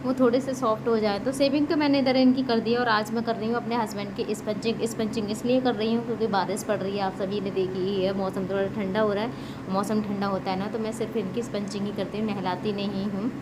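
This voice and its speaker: A woman's voice: medium pitch, fairly even intonation, quick pace. A woman chatting casually to viewers in a home vlog, explaining each step of her caregiving routine as she does it. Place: at home during heavy rain. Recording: rain noise in background.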